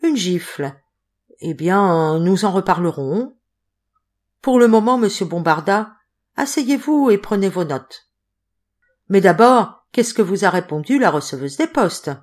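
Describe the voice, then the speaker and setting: A woman reading an audiobook, voicing a shrewd male examining magistrate who speaks in a measured, authoritative way. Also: mid-range voice, lively intonation.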